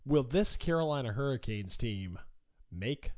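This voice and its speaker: A man's voice: mid-range voice, lively intonation, a little slow, darkish tone. A man hosting a sports talk show, asking playful, rambling questions and plugging his guest.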